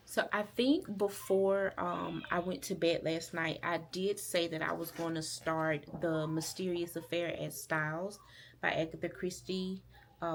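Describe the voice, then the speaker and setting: A woman's voice: lowish voice, creaky, a bit bright. A woman from Alabama with a Southern accent, chatting casually and rambling about books in her vlog. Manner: chatty, rambling, with fillers and restarts. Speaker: book vlogger. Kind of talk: casual chat.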